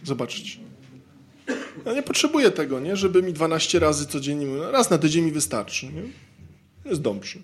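Addressing a room of men on the subject of marriage, this speaker has a fairly high pitch with big swings, a moderate pace, and long pauses. His talk is casual and funny, full of tag questions as he plays out ordinary moments.

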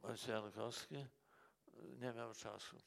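Brief: low, gravelly-voiced male monk, rambling interview answers full of "right?" tags. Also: fairly even intonation, takes it slowly, a bit bright. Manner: rambling, tags remarks with "prawda?". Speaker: monk and priest.

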